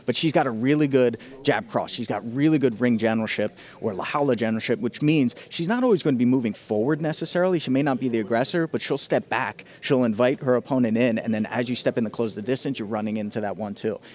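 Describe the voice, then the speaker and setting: A man's voice: medium pitch, quick pace, few pauses, a little mellow. A man giving casual, slangy and enthusiastic fight analysis as a commentator.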